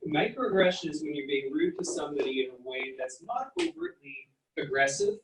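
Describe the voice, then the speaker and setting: Male lecturer, fairly high voice, sounds out words for the class; roomy, distant pickup. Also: big pitch swings, brisk, background noise. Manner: explanatory, sounds out words and letters. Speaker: psychology lecturer. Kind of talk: university lecture. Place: lecture hall. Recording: echoey room, mic at a distance.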